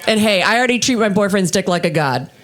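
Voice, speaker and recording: A woman in her thirties performing live stand-up, her voice low for a woman. She delivers her set deadpan and self-deprecating, in a steady, unhurried tone. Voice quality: low, husky-toned voice for a woman. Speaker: stand-up comedian. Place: comedy festival stage.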